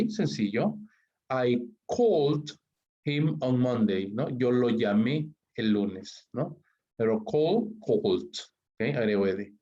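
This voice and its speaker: A Peruvian man teaching an exam-prep English lesson, who explains step by step, keeps checking in with his students and reads his English example sentences slowly. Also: medium pitch, darkish tone, highs cut off. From Peru. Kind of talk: online exam-prep lecture.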